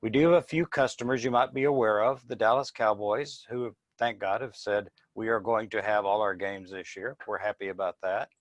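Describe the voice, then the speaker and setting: A man's voice: lowish voice, fairly even intonation, moderate pace, few pauses, no echo. A man giving an informal sales presentation in a plain-spoken, explanatory way. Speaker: business presenter.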